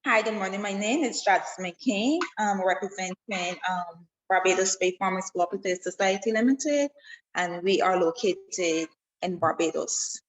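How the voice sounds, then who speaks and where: A woman's voice: medium pitch, moderate pace, poor audio. A woman representing a cooperative on a video call, introducing herself in a brief, matter-of-fact way.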